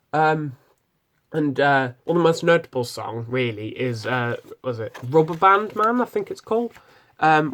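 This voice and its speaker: A man's voice: medium pitch, fairly bright tone. A young British man with a British accent, giving a rambling, casual film review full of ums and restarts. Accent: British English. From Britain. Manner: rambling, many ums and self-corrections.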